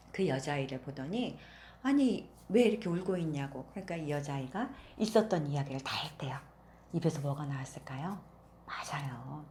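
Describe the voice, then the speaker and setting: A woman storyteller reads a children's fairy tale in a gentle, conversational way and often pauses to ask her young listeners questions. Her voice sits a little low, but her pitch moves a lot and keeps the telling lively. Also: slight background noise. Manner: gentle, asks listeners questions, many fillers.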